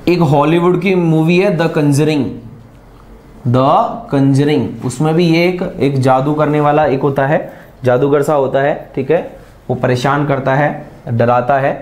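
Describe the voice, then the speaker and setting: A man's voice: fairly high pitch, steady tone, measured pace, darkish tone, echoey room. A man teaching an exam-prep vocabulary lesson, repeating each word and quizzing viewers with questions.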